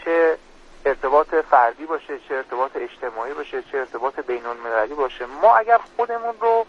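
A man's voice: mid-range voice, animated. A man speaking as a religious guest, earnestly explaining a prayer on a radio program. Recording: dull lo-fi radio sound.

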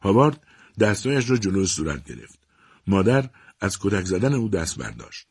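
Male audiobook narrator: very low, animated delivery, measured, close dry sound. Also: gravelly, husky, no room sound. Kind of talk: scripted story narration.

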